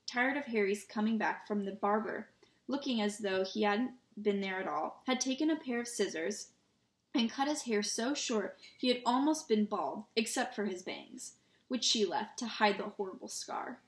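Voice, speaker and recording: A woman reading a children's novel aloud in a relaxed way, with small slips and restarts, in a roomy-sounding recording. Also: mid-range voice. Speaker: reader. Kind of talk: storybook read-aloud. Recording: roomy echo.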